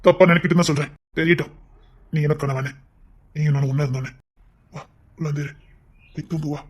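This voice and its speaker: A man's voice: fairly even intonation, fast talker, lightly acted. A man playing a possessive young husband. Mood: insistent. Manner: insistent and commanding, turning low and tender. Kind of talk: audio romance drama.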